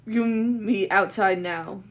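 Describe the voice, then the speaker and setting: A woman's voice: mid-range voice, moderate pace, gravelly, slightly rough, muffled recording. A woman voicing an indignant, outspoken young heiress heroine in a story game, dramatically read. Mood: defiant.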